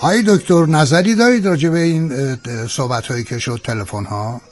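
A man's voice: mid-range voice, a little mellow, faint music behind. A man hosting a radio talk show, courteous and curious with his guest. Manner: courteous, curious, quick to react. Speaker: radio host. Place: radio studio.

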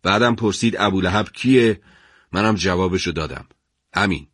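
A calm, unshaken political prisoner answering back, as a man voices him in a radio story. His voice sits fairly low and stays even. The sound is dry and close. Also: husky, no room sound. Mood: calm, defiant.

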